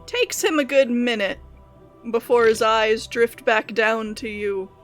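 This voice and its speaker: A woman's voice: a little high, slow, faint music behind. Brief: a woman running a tabletop game, vivid narration, light and playful. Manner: descriptive and playful, laughs often. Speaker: game master.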